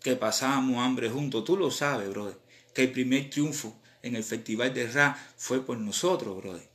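A man with a Cuban accent, a rapper chatting casually on a live stream in animated, slang-filled talk. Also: medium pitch, normal speed. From Cuba.

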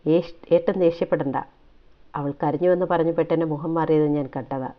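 Worried little sister pushing for answers, woman reading her, low voice, muffled sound. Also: fairly even intonation, fairly quick, lightly acted. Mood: coaxing. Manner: earnest, coaxing questions. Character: anxious loving young sister.

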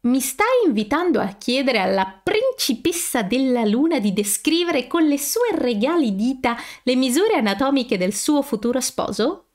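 A woman's voice: sits high, sing-song, normal speed, few pauses, a little mellow, voice pushed up. A woman voicing a bold, playful young woman who teases with mocking mischief, read in an audiobook.

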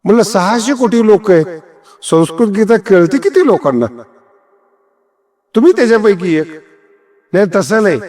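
A fairly high-voiced male preacher delivers a devotional discourse, slipping into storytelling and playing out little exchanges of dialogue. His delivery swings up and down and breaks into chuckles. His voice rings with a long reverb, as if he is speaking in a big hall. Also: moderate pace, pauses often. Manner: animated, acts out dialogue, swings pitch widely, chuckles. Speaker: kirtan preacher.

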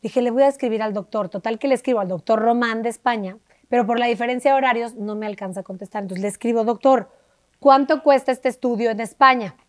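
A Mexican woman, an interview guest, telling a personal story in a lively way and acting out the voices of the people she quotes. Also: on the high side, quick pace, no echo. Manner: animated, acts out quoted dialogue with shifting voices. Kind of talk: conversational storytelling.

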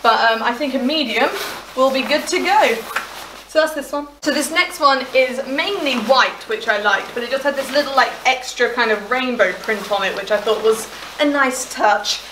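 A young woman, a fashion vlogger, chats casually and enthusiastically through a clothing try-on haul in a hallway at home, her high voice at a moderate pace and often trailing off mid-thought. A camera across the room picks her up, and the hallway sounds echoey with a faint hiss.

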